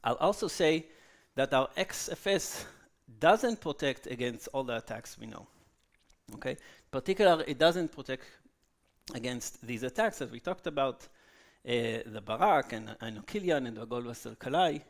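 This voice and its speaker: Gravelly-voiced man giving a technical talk. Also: medium pitch, expressive. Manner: frequent "okay?" tag questions, halting with fillers. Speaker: conference speaker. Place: conference hall.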